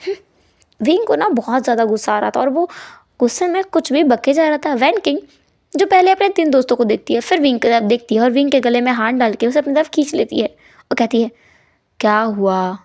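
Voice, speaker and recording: A woman's voice: high voice, lively intonation, quick pace, darkish tone. A woman storyteller narrating a fan-fiction story in a chatty, casual way, with fillers.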